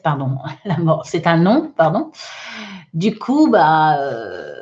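A woman's voice: on the low side, highs cut off. A woman teaching English in during a live online lesson, reading viewers' comments aloud with many fillers.

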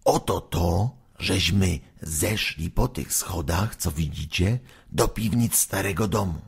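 A man's voice: fairly low pitch, sing-song, takes it slowly, fairly bright tone, breathy edge, pitched above the performer's own voice, exaggerated voice. A man voicing a mischievous ten-year-old boy in a storybook, cheeky and conspiratorial. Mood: secretive. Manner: cheeky, secretive whispering.

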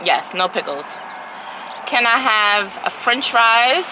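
A woman's voice: fairly high pitch, expressive, slow pace. A woman vlogger ordering food at a drive-through from her car, polite and a little hesitant. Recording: noisy car recording.

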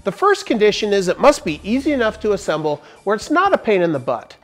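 A man's voice: high voice, wildly swooping pitch, quick pace. Upbeat man hosting a woodshop tool review. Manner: upbeat, jokey, explanatory. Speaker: woodworking channel host. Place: large barn workshop. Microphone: lapel.

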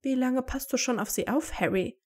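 A woman's voice: high-pitched, moderate pace, darkish tone, pitched above the performer's own voice. A woman reading aloud and voicing a motherly middle-aged witch who speaks firmly and caringly. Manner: firm and caring.

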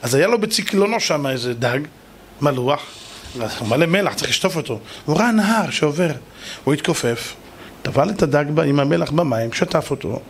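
A man, a rabbi, telling a story in a lively sermon, slangy and addressing his listeners directly. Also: on the high side, slight background noise. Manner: animated, slangy, talks to the audience. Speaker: rabbi, preacher.

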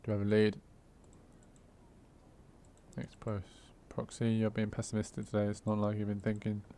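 A man's voice: fairly low pitch, monotone, normal speed, mellow, a little hiss or hum. A man hosting a gaming video, reading a story game aloud with casual commentary and a sleepy, yawning manner, skimming text with "blah blah.". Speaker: gaming channel host.

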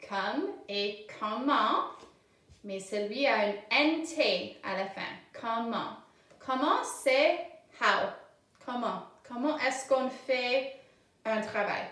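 Woman teacher with a higher voice, drills words slowly for kids and adds translations; recorded at a distance in a very echoey room. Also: fairly bright tone. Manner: slow and clear, repeating words and switching to English translations. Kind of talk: slow, simple French lesson for children.

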